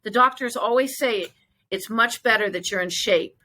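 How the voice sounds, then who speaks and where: A woman's voice: a little high, normal speed, pushed and bright, a little hiss or hum, rough recording. A woman who owns a fitness bootcamp, talking in an emphatic, upbeat, motivational way in a casual interview.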